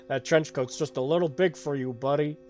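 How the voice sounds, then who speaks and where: A man's voice: fairly high pitch, normal speed, darkish tone, soft background music. A man streaming a game, talking casually, laughing often and swearing. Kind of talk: casual let's-play commentary.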